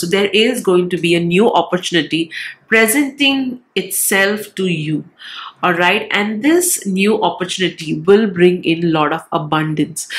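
Woman with a cold, nasal voice. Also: lowish voice. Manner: gentle, reassuring, frequent "wow" and "all right". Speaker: tarot card reader. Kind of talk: casual tarot reading.

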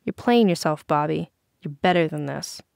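A woman's voice: low voice, expressive, moderate pace, creaky, darkish tone, no room sound, clean studio sound. A woman voicing a confident teenage girl who looks out for her friends and talks in a bold, direct, scolding way.

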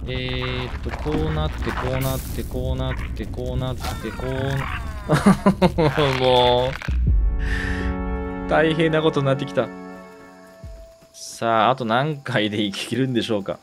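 A man giving let's-play commentary, excitable, talking to himself and repeating words in quick bursts. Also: mid-range voice, music in the background. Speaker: game streamer.

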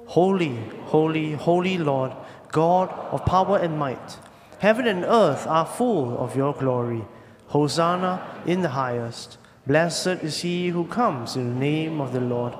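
A male pastor leading prayer and the communion liturgy in a measured, reverent voice, heard with a long cathedral-like echo. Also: fairly high pitch. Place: church sanctuary. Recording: long echoing hall reverb.

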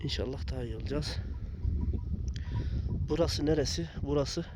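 A man talks casually to viewers in a mid-pitched voice that is slightly hoarse from a cold. He explains things plainly, like a herder vlogging from open pasture, with clear outdoor noise and livestock behind him. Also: moderate pace. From Turkey, a village in Tokat province. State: sick with sore throat and phlegm, slightly hoarse. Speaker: goat herder and video blogger. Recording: noisy outdoor recording with livestock sounds. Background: goats and animal sounds, outdoor noise.

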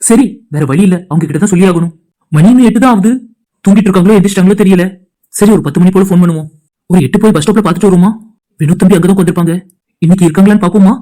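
Casting: man doing a fast-talking anxious dad in a cartoon, fretting aloud. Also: high-pitched, warm tone, natural voice. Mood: worried. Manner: anxious, talks to himself. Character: worried father of a lost daughter. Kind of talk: cartoon voice acting.

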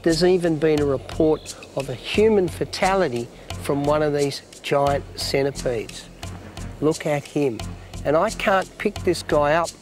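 Higher-pitched Australian man presenting wildlife. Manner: dramatic, emphatic, marvelling, often breaking off to address the animal. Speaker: wildlife show host. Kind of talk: wildlife documentary presenting to camera. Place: outdoors in the Australian bush.

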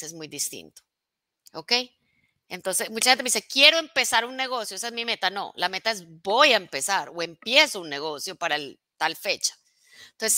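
A woman business coach giving an energetic motivational live talk, often checking in with her audience. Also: on the high side, dry recording, studio quality.

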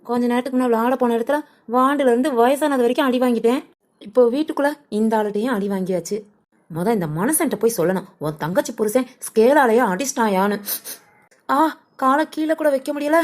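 A woman's voice: fairly high pitch, quick pace, close to an everyday voice. A woman voicing a gossipy, sly village wife in a cartoon who complains and mutters to herself. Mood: grumbling. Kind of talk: cartoon voice acting.

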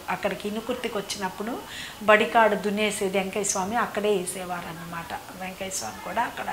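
A woman's voice: mid-range voice, fairly bright tone, slight background noise. A woman recounting memories in a rambling, repetitive storytelling way, often circling back over her phrases. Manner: rambling, repeats phrases, fills with "annamaata". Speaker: devotee recounting memories of a saint. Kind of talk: reminiscing oral storytelling. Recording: echoey room.

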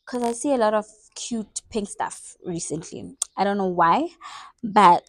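A playful South African woman in her twenties talks straight to her viewers in a relaxed, self-mocking get-to-know-me vlog. Her voice sits at an ordinary middle pitch. The sound is dry and close, with no room echo. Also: a little slow. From South Africa, Eastern Cape. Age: 20s. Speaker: vlogger.

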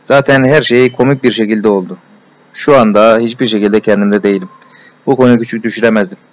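A tender-hearted young clerk from a storybook, shy and overjoyed, pouring out his heart in breathless confiding rushes, as a man reads him. The voice sits low. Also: fairly even intonation, close to an everyday voice. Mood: fervent. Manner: emotional, breathless confiding, repeated endearments.

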